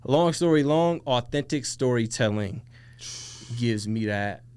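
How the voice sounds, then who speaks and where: A man's voice: mid-range voice, expressive, measured pace, darkish tone, clear, resonant tone. A man as a podcast guest, talking in a laid-back, slangy way and often saying "bro". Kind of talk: casual conversation.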